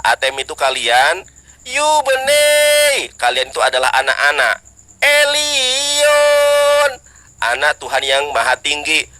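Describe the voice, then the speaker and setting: In a live video-call debate, a man from West Java, Indonesia, who is Sundanese, challenges his opponent insistently and chants scripture in high sung tones. His intonation is fairly even, his pace fairly quick, his tone bright and forceful.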